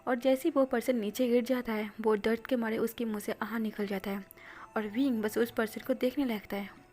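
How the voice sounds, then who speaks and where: A woman telling a fan-fiction story in a soft, partly whispered voice. Her voice sits a little high for a woman. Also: steady tone, normal speed. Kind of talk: reading fan fiction aloud.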